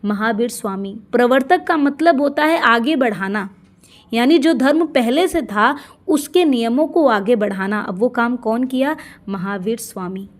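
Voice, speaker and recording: A woman's voice: on the high side, unhurried. A woman teacher giving an exam-prep lesson, explaining terms one by one and asking questions she answers herself.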